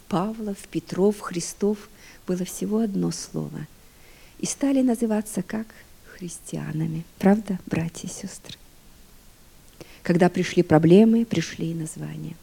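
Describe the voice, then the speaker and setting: Woman, 50s, preacher; dark, husky voice, dynamic sermon delivery that drops to near-whispers. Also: mid-range voice. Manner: dynamic, swinging from loud emphasis to hushed near-whispers; asks the congregation rhetorical questions.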